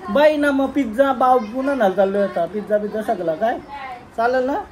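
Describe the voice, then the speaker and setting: A young man vlogging casually with his family, lively and teasing as he calls out to the people around him. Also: very high-pitched, a little fast, crowd noise, background noise. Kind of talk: casual family vlog chat.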